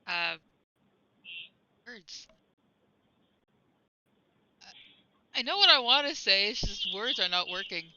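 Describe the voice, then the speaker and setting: A woman playing in a tabletop game, playful and quick to laugh. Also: medium pitch, lively intonation, sharp tone, no room sound, dull audio. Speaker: player.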